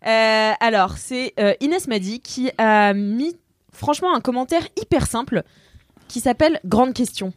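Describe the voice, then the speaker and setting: A woman's voice: a little high, unhurried, no echo, studio quality. Upbeat woman podcast co-host. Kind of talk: casual podcast chat.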